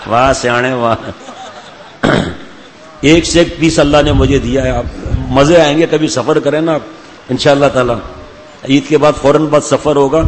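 A man's voice: a little high, big-room sound, slight background noise, poor audio. A middle-aged man, a Sufi spiritual guide, giving a sermon to a gathering. He tells stories with humor and teases his listeners by name. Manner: jovial storytelling, teasing listeners by name.

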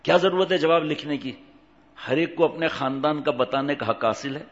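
Preacher: a man with a higher-pitched voice who talks with the crowd and acts out the people in his stories. Dull recording with a long hall reverb. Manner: conversational, asks the audience questions, acts out the voices in his stories. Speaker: Islamic preacher. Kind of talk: sermon with anecdotes.

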